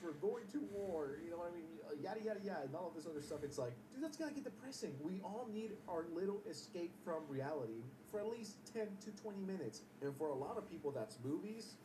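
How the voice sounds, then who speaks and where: A man's voice: fairly high pitch, recorded from a distance, background noise. A young man giving casual commentary in a profane, exasperated rant. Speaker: YouTube commentator.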